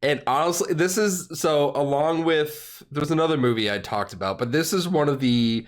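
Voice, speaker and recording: A man's voice: fairly high pitch, normal speed. A young man hosting a casual movie podcast, upbeat and jokey, laughing often. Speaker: podcast host.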